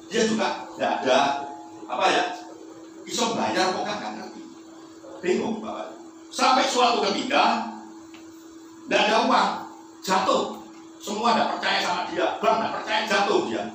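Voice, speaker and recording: A male preacher tells a story in an animated way during his sermon and keeps turning to the congregation with questions. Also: high voice, far from the mic. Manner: animated, addresses the congregation often. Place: large echoey church hall. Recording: echoey hall, off-mic.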